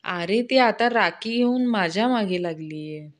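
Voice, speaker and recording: A woman's voice: medium pitch, expressive, measured pace, close to an everyday voice. Woman voicing a sheepish young man.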